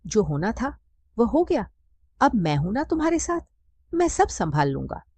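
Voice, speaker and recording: A woman's voice: on the high side, very animated, normal speed, warm tone, slightly rough, no room sound, pitched above the performer's own voice, full character voice. A woman voicing a grieving young adult son who reassures his mother. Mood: reassuring.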